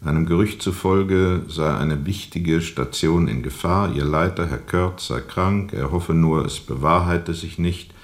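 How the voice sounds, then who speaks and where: A man with a low, rough voice performs a slow storytelling monologue for a radio play, voicing a riverboat captain tired of the world and tormented by dark recollections. Brooding and reflective, he speaks deliberately, pausing and repeating for emphasis.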